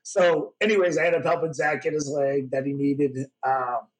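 Animated man telling stories, fairly high. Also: normal speed, rough recording. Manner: animated storyteller who acts out dialogue. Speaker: podcast guest, former pro wrestler. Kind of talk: casual storytelling interview. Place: podcast studio.

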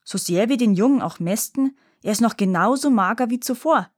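A huge, gruff giant from a storybook, booming out slow, threatening lines, as a woman reader puts him on. The voice is a little husky and sits close and dry. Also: animated, dry recording. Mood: grim.

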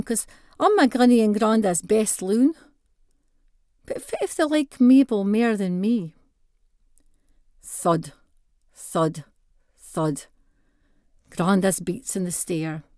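With a mid-range voice and a North-East Scottish accent, a woman performs a first-person story in Doric dialect, expressively acting out the characters' dialogue. The sound is clean studio audio with no room sound.

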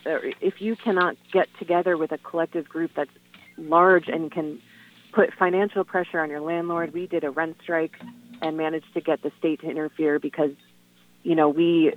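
A woman speaking over the phone as a guest on a call-in radio show, earnest and halting, with lots of "um" and "you know". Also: low-pitched. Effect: heard over the phone. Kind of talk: casual radio phone interview. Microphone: telephone. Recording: tinny, dry phone line.

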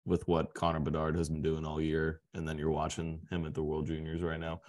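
Deep-voiced man talking sports. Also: completely flat delivery, brisk, a little mellow. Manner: emphatic, repeats words while building a point. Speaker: podcast co-host. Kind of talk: casual sports chat.

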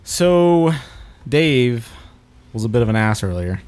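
A man's voice: mid-range voice, very animated, slow pace, darkish tone, clear, resonant tone. A man hosting a podcast in an informal, rambling chat style. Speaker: podcast host. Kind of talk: casual chat.

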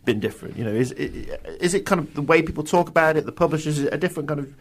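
A man hosting a radio book show, asking hesitant, halting questions in casual chat. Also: fairly high pitch, expressive.

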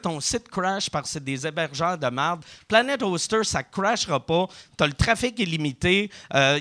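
A podcast host with a Québécois accent runs through a sponsor read full of crude jokes. His voice sits high and bright and leaps all over the place. He keeps breaking into laughter as he riffs. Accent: Québécois French. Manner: crude, joking, laughs often.

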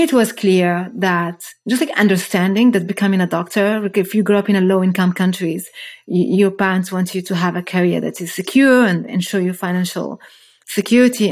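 On a podcast, a woman in her thirties from Morocco, founder of a startup, recounts her story earnestly and reflectively with frequent restarts. She speaks in a lowish, darkish voice.

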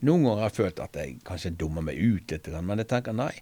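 Guy telling a church story, lots of ums and restarts, lowish voice, dry close sound. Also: big pitch swings, dark tone, dry recording. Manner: hesitant, many fillers and restarts; earnest, preacher-like retelling. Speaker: interview guest sharing a testimony. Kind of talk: casual conversational storytelling.

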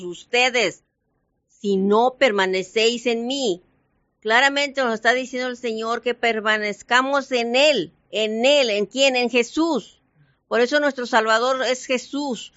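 A woman's voice: on the high side, fairly bright tone, dry recording. Emphatic woman preaching, muffled lo-fi. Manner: emphatic, slow repetition of scripture with rhetorical questions. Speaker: church speaker. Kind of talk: sermon. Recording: dry, dull lo-fi recording.

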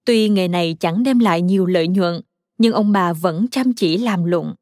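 A woman's voice: lowish voice, moderate pace, no echo, clean studio sound. Woman narrating a children's story. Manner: calm, even storytelling.

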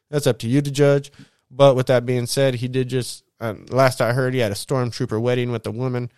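A young man from Southern California telling stories from his youth in a laid-back, slangy, profane way, full of shout-outs to old friends. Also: medium pitch, level tone, normal speed, clear, resonant tone, dry recording, studio quality. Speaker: vlogger. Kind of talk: casual storytelling monologue.

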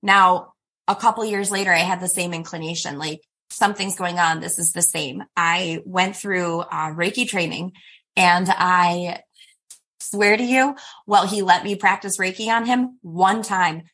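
A woman in her thirties co-hosting a casual podcast, telling a personal story in a candid, expressive way. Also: fairly low pitch, measured pace. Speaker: podcast co-host. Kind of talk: casual chat.

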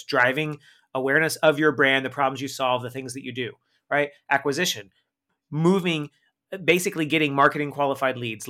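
A man being interviewed on a podcast, talking emphatically and often ending points with "right?". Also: mid-range voice. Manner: energetic, emphatic, frequent "right?" tag questions. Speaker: guest marketing expert.

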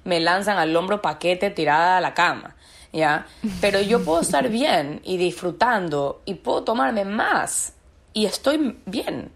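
A woman's voice: fairly low pitch, expressive, a little slow. A woman as a podcast guest, talking about her own experience in an earnest, searching way and repeating words for emphasis. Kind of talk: reflective personal conversation.

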